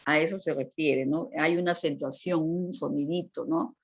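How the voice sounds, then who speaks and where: Low-voiced woman teacher lecturing. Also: steady tone, normal speed. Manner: explanatory, frequent tag questions. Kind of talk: lecture on communication. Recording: dull lo-fi recording.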